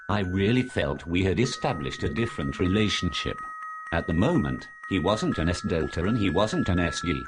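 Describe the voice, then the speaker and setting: Comic horror audio play: male actor as absent-minded undead academic, very deep and animated, brooding and self-absorbed. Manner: musing, talking to himself. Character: absent-minded male behaviorist professor turning zombie, brooding, distracted.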